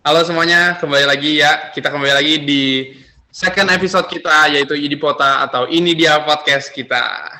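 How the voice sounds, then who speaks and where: A teenage boy hosting a school podcast in casual chat, relaxed and a little hesitant with fillers. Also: fairly high pitch, brisk. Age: teens. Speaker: student podcast host.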